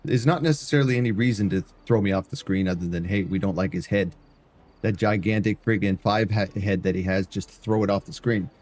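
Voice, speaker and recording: A man's voice: on the low side, a little fast, darkish tone. A man streaming live, chatting loosely through gameplay and often stumbling over and repeating his words.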